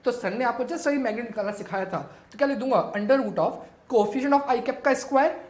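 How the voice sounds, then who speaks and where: Woman teacher, slightly high voice, question-and-answer delivery, echoey room sound. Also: brisk, darkish tone. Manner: asks students questions and answers them herself. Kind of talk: classroom physics lesson.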